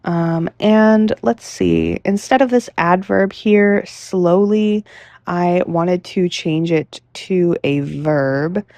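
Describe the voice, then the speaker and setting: Relaxed low-voiced woman vlogging about editing. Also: takes it slowly, few pauses, dry recording. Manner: relaxed, chatty, many "um" and "like" fillers. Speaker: writing vlogger. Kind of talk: casual talk to camera.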